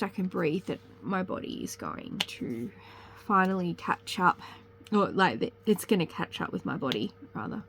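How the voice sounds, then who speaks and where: On this poor-quality audio with a faint hiss or hum, a young woman speaks in a lowish, creaky voice. Sniffling from a mild cold, she hosts her crafting channel in a chatty, rambling way, often stopping to correct herself.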